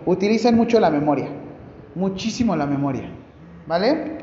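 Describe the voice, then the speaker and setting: High-voiced Mexican man lecturing in an echoey hall. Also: normal speed, slight background noise. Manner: lively and joking, asks the class questions. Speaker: lecturer at a nursing school. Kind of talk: classroom lecture. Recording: echoey hall, dull lo-fi sound.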